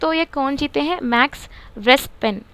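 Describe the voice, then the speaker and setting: A woman's voice: high-pitched, normal speed, a bit bright. A woman teaching a current affairs lesson for exam prep. She explains patiently, repeats the key answers and mixes English terms into her talk.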